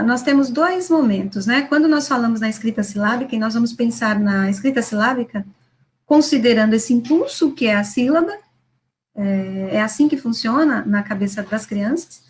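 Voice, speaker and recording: High-voiced Brazilian woman teaching literacy. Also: a little hiss or hum. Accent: Brazilian Portuguese. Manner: slows and stretches words to model a child reading syllable by syllable; didactic, with frequent "né?" tags and restarts. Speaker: literacy educator. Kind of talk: lecture over example slides.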